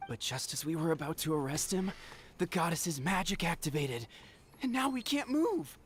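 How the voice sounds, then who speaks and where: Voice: medium pitch, very animated, normal speed, slight background noise, lightly acted. An actor as an earnest royal guard. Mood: dutiful. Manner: formal, deferential reporting. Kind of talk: video game voice acting.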